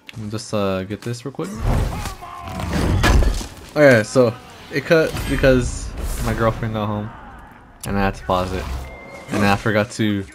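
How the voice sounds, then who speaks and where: A young man commenting on his own game as he plays, excitable and sweary, with a slightly low voice that jumps all over. Loud game music plays behind him. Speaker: let's play host. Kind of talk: casual gameplay commentary.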